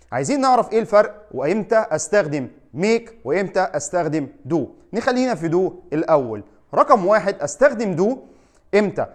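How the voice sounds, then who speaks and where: An upbeat Egyptian man teaching an English lesson, with an Egyptian Arabic accent and a fairly high voice. He talks in a chatty, encouraging way, and his voice bounces around an echoey room. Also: a little mellow. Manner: upbeat, chatty teacher who repeats "tamam?". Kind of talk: friendly explainer lesson.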